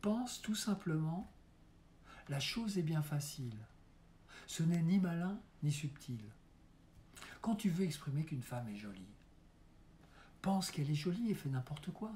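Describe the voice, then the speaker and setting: A man reading the part of an aging male stage mime who coaches his son before a first performance, earnest and coaxing, with soft hushed asides. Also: a little high, big pitch swings, a little slow, pauses often, slight background noise, pitched above the performer's own voice. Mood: coaxing mentor. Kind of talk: dramatic monologue reading.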